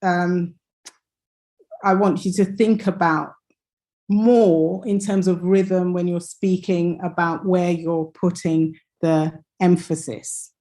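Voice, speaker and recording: A woman's voice: fairly low pitch, flat delivery, slow pace, dark tone. A woman teaching English pronunciation in an online lesson over a computer mic, hesitant, with many fillers and restarts.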